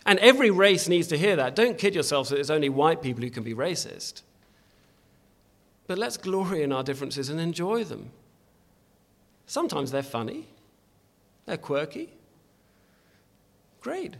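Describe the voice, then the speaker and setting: A man's voice: on the high side, very animated, moderate pace, gravelly, long pauses. A man preaching a sermon in a church, earnest and emphatic, often restarting his phrases as he exhorts the congregation.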